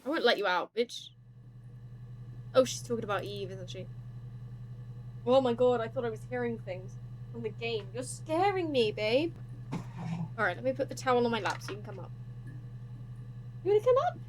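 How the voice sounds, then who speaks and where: A woman's voice: on the high side, animated, normal speed, long pauses, a little hiss or hum. A young woman playing a game at her computer, chatting, swearing and cooing baby talk to her cat. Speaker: gaming streamer. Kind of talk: casual let's-play commentary.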